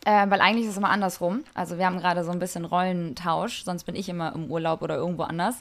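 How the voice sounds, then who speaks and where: A woman co-hosting a podcast in bubbly, playful casual chat, quick to laugh. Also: lowish voice, steady tone. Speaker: podcast co-host.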